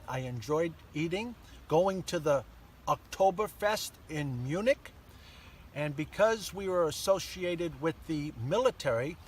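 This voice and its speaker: An older man with a slightly high voice tells stories of his childhood at an easy, measured pace, pausing often. He was recorded outdoors in a sunny park by a camera mic at some distance, with faint background noise. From born in Germany to American parents. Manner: measured storytelling with many pauses and fillers. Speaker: interview guest. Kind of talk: casual interview.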